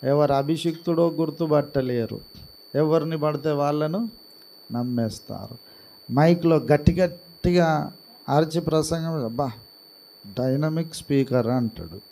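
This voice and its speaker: Male pastor, slightly high voice, slow and gentle sermon delivery, no shouting. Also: slight background noise. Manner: calm and unhurried, talks gently rather than shouting. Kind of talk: slow, soft-spoken Telugu sermon.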